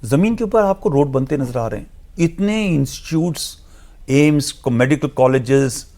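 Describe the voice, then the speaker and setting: A man with a gravelly, creaky voice at an ordinary middle pitch, talking as a studio guest analyst. He explains earnestly and with emphasis, dropping English phrases into his sentences. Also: expressive, normal speed, dark tone.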